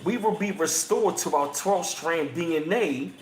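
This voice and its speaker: A man in his thirties hosting a casual livestream, chatting with viewers in slangy talk and reading passages aloud, his voice jumping high whenever he gets emphatic. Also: unhurried, echoey room. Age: 30s. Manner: excitable, voice jumps high when emphatic, slangy. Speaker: channel host.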